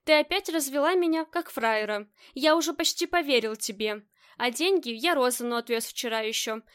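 Audiobook: a woman voicing a playful loving husband, soft and affectionate, light high tone. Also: moderate pace, clean tone, no echo, clean studio sound. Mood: tender. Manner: tender, playful. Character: affectionate teasing husband, grown man.

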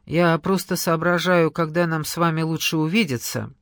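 A reader voicing a calm, obliging middle-aged male university scientist in an audiobook, measured and reassuring. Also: fairly high pitch, no echo, studio quality. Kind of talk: audiobook character reading.

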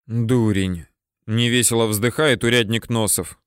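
Man, audiobook narrator, mid-pitched voice, steady storytelling with dramatic swells, dry close sound. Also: normal speed, clear, resonant tone, no echo.

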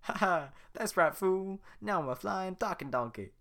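A man doing a chattering, excited cartoon donkey. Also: high-pitched, moderate pace, vocal fry, voice pushed up, heavily acted. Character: hyper talkative boastful male donkey.

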